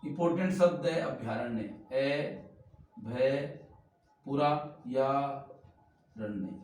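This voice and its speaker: A male teacher explains word spellings step by step, repeating each word as he writes it. His voice sits slightly high. The mic is set back from him in a room that echoes strongly. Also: distant mic. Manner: explains while writing on a board, repeating words. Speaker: Hindi grammar teacher. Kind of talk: spelling lesson for exam students.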